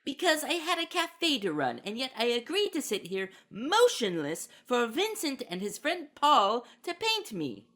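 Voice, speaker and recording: An actress playing a tired, sharp-tongued cafe owner with a sarcastic, exasperated manner. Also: female voice, high-pitched, wildly swooping pitch, unhurried, hardly any pauses, exaggerated voice.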